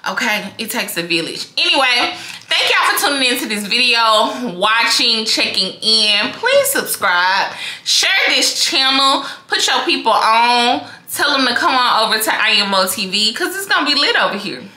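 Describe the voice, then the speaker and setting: A young woman from Mississippi, speaking with her home accent, chats straight to her viewers in a loud, animated way. Her voice is very bright and cutting. The sound bounces around an echoey room. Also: on the high side. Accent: Mississippi Southern. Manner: big, animated and confident, talks straight to viewers. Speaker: vlogger. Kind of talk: casual talk to camera.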